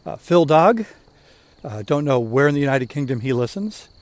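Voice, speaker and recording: This walking-podcast host in his sixties sounds animated, speaking at a normal pace in a medium-pitched, slightly mellow voice with no room sound. He rambles a bit in easy conversation while walking outside.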